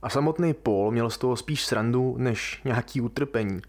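Casual male podcast host. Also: mid-range voice. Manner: informal, colloquial, musing.

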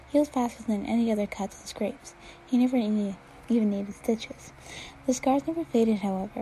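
Woman reading fan fiction aloud, mellow tone. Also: fairly high pitch, slight background noise, low-quality recording. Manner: steady reading with occasional slips and restarts. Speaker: reader.

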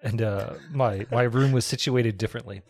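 A man's voice: mid-range voice, steady tone, moderate pace, a little mellow, no room sound. A man co-hosting a podcast in casual chat, his face half numb from the dentist. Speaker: podcast co-host.

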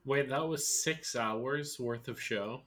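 A man's voice: medium pitch, takes it slowly, a bit bright. A man co-hosting a podcast who reads a story aloud in first person and makes dry, teasing remarks. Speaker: podcast co-host.

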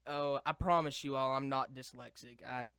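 A man's voice: mid-range voice, fairly even intonation, normal speed, a bit bright, smooth, dry recording, studio quality. A young man co-hosting a casual podcast, rambling and swearing, laughing often as he tells stories. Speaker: podcast co-host. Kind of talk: casual chat.

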